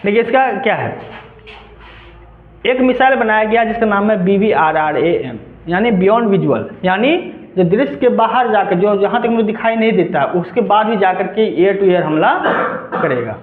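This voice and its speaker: A man's voice: high-pitched, lively intonation, normal speed. A man teaching a class in speech, asking his students questions and then answering them himself. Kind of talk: classroom lecture. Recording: echoey room on a tinny lo-fi line.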